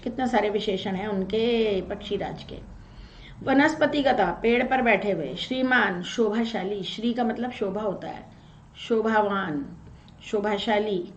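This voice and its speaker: A woman's voice: on the high side, highs cut off. A woman teaching a Sanskrit class, explaining step by step, asking questions and answering them herself. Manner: explains slowly, asks and answers own questions; chants verses slowly. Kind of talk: online class lesson.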